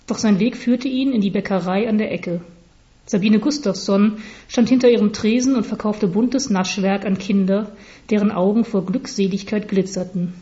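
Woman narrator, deadpan story reading, mellow dark voice, slightly dull recording. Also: mid-range voice, moderate pace.

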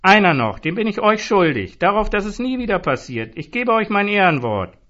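A man's voice: animated, normal speed, fairly bright tone, highs cut off. A man voicing a drunk, tearful male pub regular who whines and rants. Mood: insistent. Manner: whiny, pleading, then shrill and ranting.

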